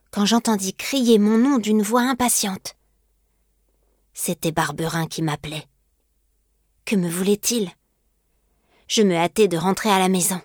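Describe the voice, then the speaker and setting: A woman with a mid-range voice reads a passage from a classic novel as an audiobook narrator, clear and steady. The scripted narration is recorded in a clean studio with no room sound.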